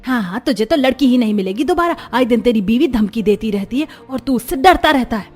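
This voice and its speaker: A woman's voice: fairly high pitch, animated, fairly quick, darkish tone. A woman voicing a strict middle-aged mother who is firm and insistent, in a cartoon story. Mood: stubborn.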